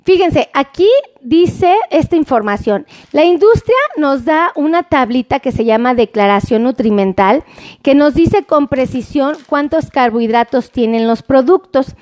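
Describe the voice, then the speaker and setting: A woman's voice: sits high, animated, unhurried, darkish tone, dry recording. A middle-aged woman with a Mexican accent, chatting casually on a live stream, greeting viewers by name and repeating phrases. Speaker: live-stream host on nutrition and diabetes.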